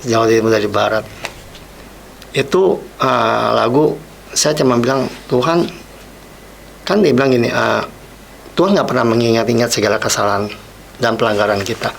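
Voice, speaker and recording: Man, gravelly voice, reflective testimony, asides drop quiet, podcast guest. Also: medium pitch, normal speed, pauses often, slight background noise. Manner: reflective, replays his own past words, drops quiet on asides. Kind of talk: personal testimony storytelling.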